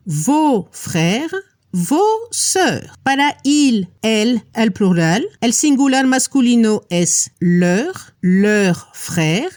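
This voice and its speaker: Slow, lively-pitched woman teaching a lesson. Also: no echo, studio quality. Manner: slow, careful, drawing out example words. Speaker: language teacher. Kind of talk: step-by-step lesson explanation.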